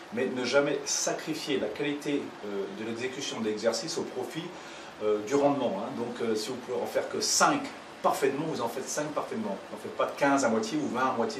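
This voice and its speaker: A man leading an abdominal workout, counting repetitions and giving slow, repeated breathing cues while he does the exercises himself. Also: mid-range voice, far from the mic. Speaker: fitness coach. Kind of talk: guided exercise instruction. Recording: roomy, off-mic with clear background noise.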